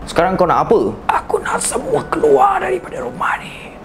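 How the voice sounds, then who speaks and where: A man's voice: extremely high pitch, wildly swooping pitch, brisk, creaky, pitched above the performer's own voice, exaggerated voice. A man voicing a hissing, possessive jinn in a girl. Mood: menacing. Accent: Malaysian Malay. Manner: growling, shouted whispers.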